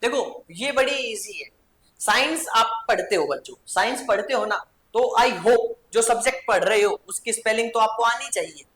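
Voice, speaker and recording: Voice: medium pitch, lively intonation, a bit bright. A teacher giving a spelling lesson to schoolchildren, spelling each word letter by letter and checking in with questions. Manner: spells words slowly letter by letter, with coaxing questions. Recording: echoey room.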